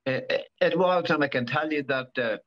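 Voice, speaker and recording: A man in his seventies, a former rally driver, talking in a casual interview, halting and repeating words with many fillers. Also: mid-range voice. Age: 70s. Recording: dull lo-fi recording.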